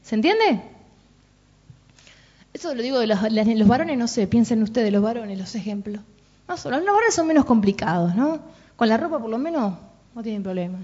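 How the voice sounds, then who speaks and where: Rioplatense woman with a high voice. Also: expressive, normal speed, long pauses, dark tone, slightly rough. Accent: Rioplatense Spanish. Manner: chatty, asks "¿no?" and "¿sí?" often. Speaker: parenting workshop speaker. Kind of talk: informal talk to parents. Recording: dull lo-fi recording.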